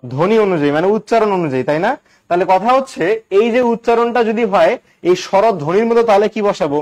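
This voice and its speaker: A man's voice: sits high, expressive, fast, darkish tone. A man teaching English grammar in a live online class, chatty and quizzing his students with constant questions.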